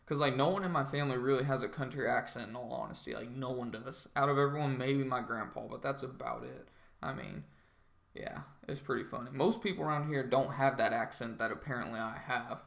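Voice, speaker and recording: Speaking fairly quickly in a steady, mid-range voice that's gravelly and fairly bright, a groggy young man shoots the breeze with his trading livestream viewers. Ums and likes pour out nonstop as he rambles.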